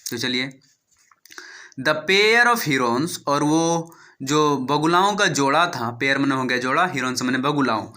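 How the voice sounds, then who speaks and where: A man's voice: medium pitch, normal speed, bright, forceful tone. A man with an Indian accent teaching English, reading a story line by line, translating each phrase, spelling out words and asking and answering his own questions.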